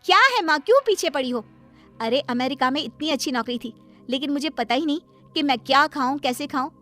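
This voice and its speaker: A woman's voice: high-pitched, lively intonation, fairly quick, bright, forceful tone, faint music behind. A woman voicing a frustrated young daughter in a cartoon story. She talks in a snappy, complaining way. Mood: irritated. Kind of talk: Hindi cartoon voice acting.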